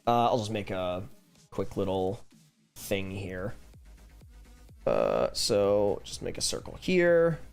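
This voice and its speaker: A man livestreaming as he draws, chatting casually in a rambling way, with lots of fillers and restarts, and growing animated when he vents. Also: fairly low pitch, takes it slowly, gravelly, long pauses, clean tone, soft background music. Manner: grows heated and animated when venting. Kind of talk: casual chat while drawing.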